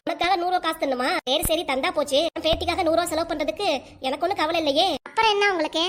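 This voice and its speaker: A woman's voice: very high voice, fast. A woman voicing a doting elderly grandmother in a cartoon, scolding yet indulgent. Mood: fussing. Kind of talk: cartoon voice acting.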